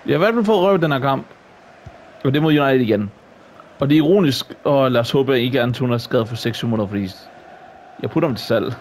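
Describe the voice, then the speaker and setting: Excitable man reacting to a football game. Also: mid-range voice, slight background noise. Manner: excitable, frequent exclamations. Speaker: gaming YouTuber.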